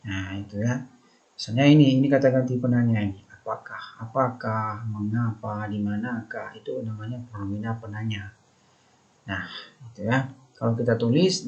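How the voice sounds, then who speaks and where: Man teaching slowly on a dull recording. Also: fairly high pitch, darkish tone. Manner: explains step by step, often repeats key phrases with "nah" and "ya". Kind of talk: recorded lecture over slides.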